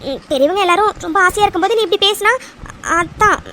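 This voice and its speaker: A woman voicing a very high, playful bride-to-be. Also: fast, pushed and bright, slight background noise. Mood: soothing. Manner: teasing and affectionate, fond of exclamations. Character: playful young woman engaged to be married. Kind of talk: cartoon voice dub.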